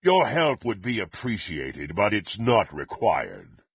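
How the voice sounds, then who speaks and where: A male voice plays a brutal, menacing half-orc warrior who serves a demonic patron, a fantasy video game villain. He's low, gravelly, raspy and husky, with a sing-song swing in pitch, and speaks slowly, coldly and threateningly, imperious and exaggerated, in archaic formal diction. There's no room sound.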